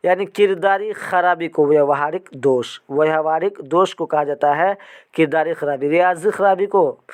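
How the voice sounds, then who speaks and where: A man teaching an exam-prep vocabulary lesson, repeating each term slowly several times. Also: a little high.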